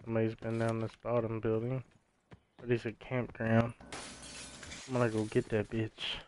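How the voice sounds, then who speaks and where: A man's voice: on the low side, completely flat delivery, moderate pace, darkish tone. A man trash-talking his friends in casual voice chat while gaming, brash, profane and mocking. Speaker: gamer streaming with friends. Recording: dull lo-fi gaming mic, faint hiss.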